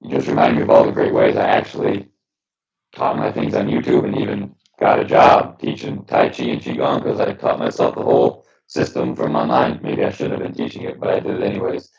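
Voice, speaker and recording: Deep gravelly man, metallic robotic mic glitch. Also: expressive, a little fast, a little mellow. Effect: robotic, glitchy metallic distortion from a faulty headset mic. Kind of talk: casual online call chat. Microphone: headset over an internet call. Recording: lo-fi garbled internet call audio.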